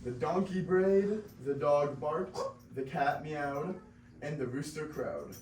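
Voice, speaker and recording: A teenage boy narrates a scripted story for a classroom reader's theater, his slightly high voice slow and a little mellow. The sound is echoey, taken from a distant mic in the classroom, with faint noise.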